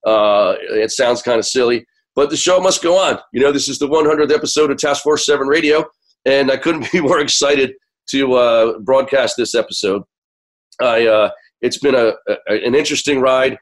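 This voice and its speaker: Hoarse, cracking American male radio host. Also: mid-range voice, moderate pace. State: sick, hoarse, losing his voice. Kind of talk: conversational radio show monologue.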